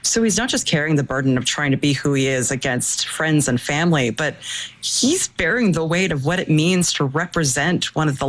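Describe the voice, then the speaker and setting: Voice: mid-range voice, a bit bright, rough recording. An interviewer asking long, thoughtful, analytical questions in a conversational tone.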